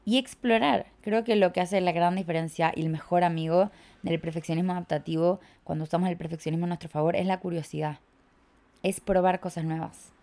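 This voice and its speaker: A woman's voice: fairly low pitch, steady tone, fairly quick, dark tone. A young woman from Chile hosting a podcast, talking casually and reflectively, with lots of filler words. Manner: chatty, reflective, filler-heavy with "como". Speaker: podcast host and coach.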